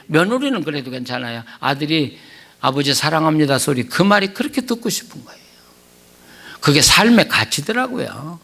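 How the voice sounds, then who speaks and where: A man's voice: on the high side, gravelly, bright, forceful tone. An older man preaching at a church revival meeting, telling stories and leading prayer. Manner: storytelling, chuckling, then earnest prayer. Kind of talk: sermon.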